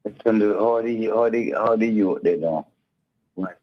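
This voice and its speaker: Male radio caller, heard over the phone, low voice, rambling and friendly, dull lo-fi line. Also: normal speed. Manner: rambling, friendly, repeats words. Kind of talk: casual call-in chat.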